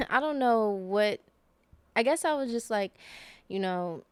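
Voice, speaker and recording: A woman's voice: mid-range voice, expressive, slow pace, smooth, dry recording. A woman guest on a podcast, telling a personal story in a rambling, casual way with many fillers and self-corrections.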